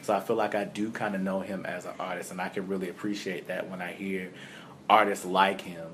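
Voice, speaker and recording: A man chatting casually about music, relaxed and rambling, often breaking into laughter. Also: a little fast. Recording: low rumble and faint noise.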